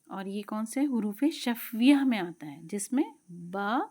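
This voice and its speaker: A woman teaching Quran pronunciation, explaining patiently and slowly modelling each letter sound, sometimes dropping to a soft whisper. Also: medium pitch, lively intonation. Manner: drops to a soft whisper at times. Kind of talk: tajweed lesson.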